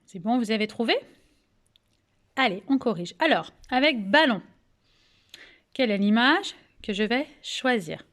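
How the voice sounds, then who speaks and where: A woman teacher with a French accent leads a recorded phonics lesson for young children, pronouncing each word slowly and clearly, asking gentle questions and praising the answers. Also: on the high side, animated. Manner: slow, clearly articulated, patient, coaxing questions and praise. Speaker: kindergarten teacher.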